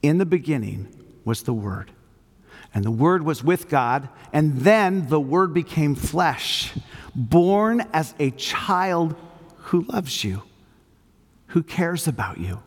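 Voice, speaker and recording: An older man delivers an earnest sermon with slow, deliberate pacing. His voice sits a bit higher than most men's, and it carries a long reverb from the church hall around him. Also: very animated, slightly rough. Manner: earnest, emphatic preaching with slow stressed phrases. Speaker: pastor. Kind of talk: sermon with closing prayer.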